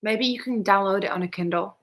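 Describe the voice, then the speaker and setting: A woman's voice: mid-range voice, fairly quick. A young woman, a little tipsy, chatting bluntly and teasingly as co-host. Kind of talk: casual chat.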